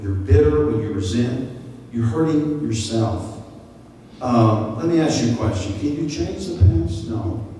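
Pastor in his 60s preaching, animated, voice jumps up high for quotes, echoey church, mic kinda far. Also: slight background noise. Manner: animated preaching with sudden high-pitched acted quotes, gesturing. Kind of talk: sermon. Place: church sanctuary. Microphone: stand mic at lectern.

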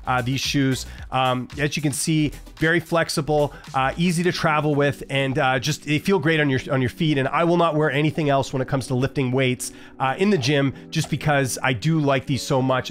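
A man in his thirties giving a casual shoe review from a home studio, talking into a boom-mounted studio mic with plenty of ums and uhs. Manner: chatty, frequent ums and uhs, shows items to camera. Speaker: vlogger reviewing shoes. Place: home studio room with posters. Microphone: large studio mic on boom arm.

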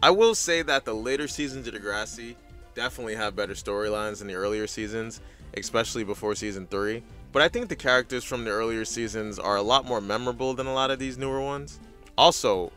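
A man's voice: mid-range voice, fast, pushed and bright, faint music behind. A man hosting a recap video with casual scripted commentary, blunt, opinionated and sweary.

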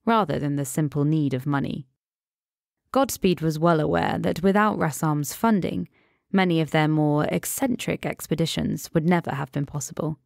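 A woman narrating an audiobook in a measured, atmospheric reading on a close mic. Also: deep voice, creaky, a little mellow, dry recording. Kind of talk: scripted narration.

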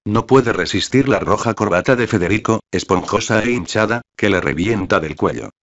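A man narrating a classic novel as an audiobook, in a measured storytelling manner. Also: on the low side, a bit bright, dull audio. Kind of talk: scripted literary narration.

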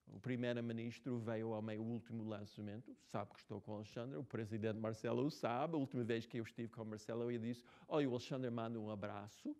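A man's voice: medium pitch, darkish tone. A man in his sixties with an American English accent, speaking Portuguese as a second language, telling stories in an interview with many restarts and fillers. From United States. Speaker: writer being interviewed. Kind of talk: casual interview talk.

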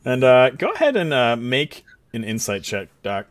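A man's voice: mid-range voice, wildly swooping pitch, moderate pace, dry recording. A man narrating as dungeon master in a casual, chatty way. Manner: casual, chatty, lots of fillers and laughs. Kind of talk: narrating a tabletop game.

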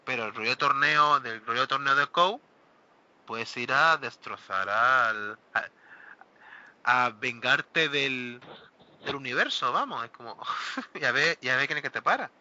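A man hosting a casual hobby talk show, animated and exclaiming, often acting out what other players say. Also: mid-range voice, a little slow. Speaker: host of a miniature wargaming talk show. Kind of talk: casual panel chat. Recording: dull lo-fi recording.

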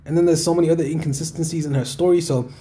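A man's voice: on the high side, steady tone, racing, warm tone. A man casually talking through viewer comments as a video creator, rambling and repeating himself with some swearing. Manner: rambling, repetitive, often swearing. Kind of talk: casual talk, reading and answering comments.

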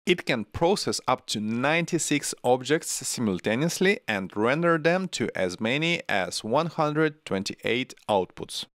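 An animated man, the host of a tech channel, narrates a scripted product review at a measured pace with hardly any pauses. The sound is dry and close, from a broadcast microphone on an arm in a small home studio room indoors, with medium pitch and no room sound.

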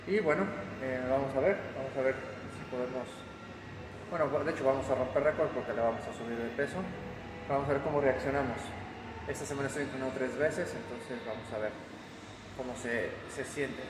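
A man's voice: medium pitch, steady tone, brisk. A man in his thirties talking casually like a gym bro, explaining his workout in a vlog filmed on a phone in a gym. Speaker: fitness vlogger. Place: indoors in a large gym. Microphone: handheld phone at arm's length. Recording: clear gym background noise. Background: gym ambience noise.

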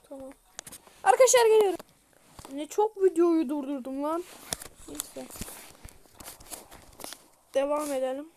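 A woman giving casual gameplay commentary, chatty and self-mocking, shouting orders at her troops. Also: sits high, a little hiss or hum. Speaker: gaming youtuber.

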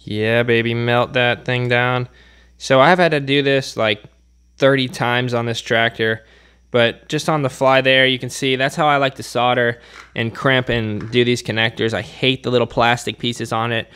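A channel host's smooth, medium-pitched voice is steady and sharp, moving at a moderate pace. He's demonstrating a hands-on repair in a workshop, talking in a relaxed way as he works.

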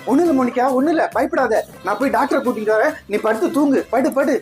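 A woman's voice: high voice, fast talker, music in the background, close to an everyday voice. A woman doing a timid, cowardly cartoon dad. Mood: soothing. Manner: nervous, dithering.

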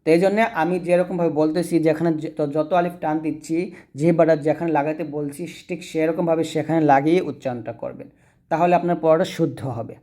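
A man teaching a Quran reading lesson, patiently repeating letter sounds slowly for learners to echo. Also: fairly high pitch, steady tone, dark tone.

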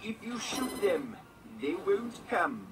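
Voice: medium pitch, big pitch swings, slow pace, very noisy. A game actor voicing an aloof robotic alien that greets players, formal and condescending, through a robotic voice filter. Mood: haughty. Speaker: game character. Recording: distant game audio with loud music.

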